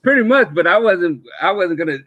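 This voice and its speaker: A man's voice: sits high, lively intonation, brisk, sharp tone. A man in his forties in a casual podcast chat, asking probing, teasing questions. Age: 40s.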